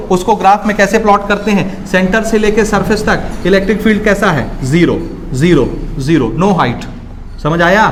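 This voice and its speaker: A man teaches physics in a classroom lecture. He asks his students again and again whether they understood, then gives the one-word answer himself in a lower, quieter voice. A faint hum of room noise sits under the recording. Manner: drops low and soft on one-word answers.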